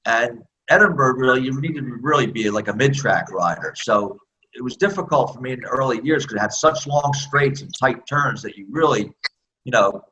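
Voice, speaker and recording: A man's voice: medium pitch, expressive, moderate pace, sharp tone, lo-fi sound. A man in his sixties with an American accent, a former speedway rider telling candid, self-deprecating stories in a casual interview.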